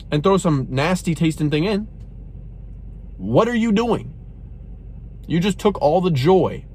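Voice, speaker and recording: Animated young man ranting about a drink. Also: on the high side, a little hiss or hum. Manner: animated, exasperated, says "bro" a lot. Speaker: drink reviewer. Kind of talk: casual ranting review.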